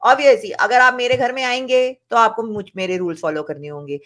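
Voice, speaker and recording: A woman's voice: on the high side, moderate pace, a bit bright. A woman gives opinionated reaction commentary in a vlog. Her delivery is emphatic and repetitive, hammering points home and slipping in English phrases. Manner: emphatic, repetitive, switches between Hindi and English. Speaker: reaction vlogger.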